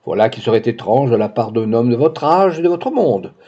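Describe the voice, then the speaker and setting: A bold, scheming older matron, as a male reader puts her on, tossing off indignant, mocking retorts. The tone is mellow and dark, and the lo-fi recording sounds dull. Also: mid-range voice, lively intonation, fairly quick, close to an everyday voice. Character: brash aging woman, bold scheming matron.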